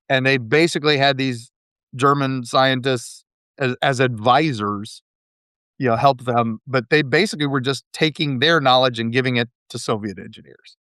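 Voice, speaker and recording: A man hosts a history podcast, chatting casually, wandering off track, laughing a lot and filling gaps with filler words. His voice sits in the mid-range with a bit of brightness, captured dry at studio quality.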